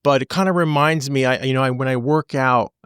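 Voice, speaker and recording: A man's voice: medium pitch, brisk, fairly bright tone, smooth, no echo, studio quality. A man in his forties hosting a podcast as a divorce attorney, talking casually and animatedly, repeating phrases for emphasis.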